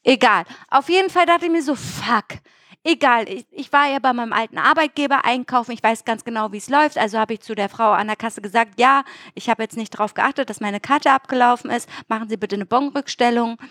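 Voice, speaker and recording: Young woman, high voice, dry close sound, animated swearing storyteller in casual chat. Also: brisk, no room sound. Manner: animated, swearing, acts out dialogue.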